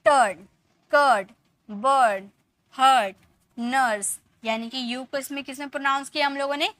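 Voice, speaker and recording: Woman, patient teacher, high pitch, dry close recording. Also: a bit bright, no echo. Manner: patient, repeats words slowly and asks questions. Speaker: English pronunciation teacher. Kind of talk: explaining rules to students.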